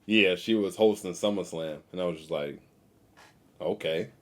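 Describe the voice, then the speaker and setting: A young man co-hosting a casual chat, easygoing and agreeable, often trailing off softly. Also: sits low, normal speed. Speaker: podcast co-host.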